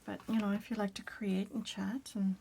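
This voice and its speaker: A woman with a raspy voice chatting casually as she works on a craft project, often dropping to a soft whisper. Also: mid-range voice, little pitch movement, moderate pace, slight background noise. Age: adult parent. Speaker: crafting video host.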